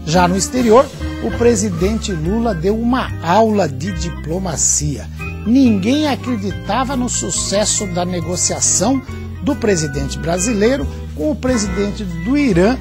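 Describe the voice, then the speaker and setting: A man's voice: high voice, lively intonation, a little slow. A man giving wry, ironic political commentary on TV. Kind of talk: TV opinion commentary. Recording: music bed under studio voice.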